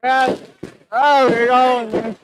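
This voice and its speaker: A man hosting a live-streamed award ceremony, yelling excitedly as he announces winners and prizes and losing his voice. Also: extremely high pitch, drawn-out words, background noise. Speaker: event host announcing prizes.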